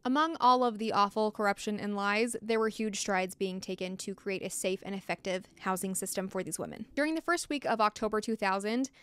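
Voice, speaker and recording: A young adult American woman reads a true-crime script with candid, opinionated commentary, speaking fairly quickly with hardly any pauses. Her medium-pitched voice is a bit bright and clean, recorded dry on a close desktop mic in a small log-walled room.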